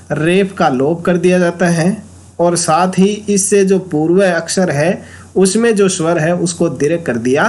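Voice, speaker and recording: A man with a Hindi accent teaches an exam-prep grammar lesson at an unhurried pace. His voice sits a little high, and he works methodically through each answer, repeating the key terms. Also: a little mellow. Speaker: Sanskrit exam tutor.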